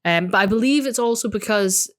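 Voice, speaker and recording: A woman's voice: medium pitch, brisk. Woman guest, matter-of-fact, adds facts to the chat. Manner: reads out facts, chimes in. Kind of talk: casual chat.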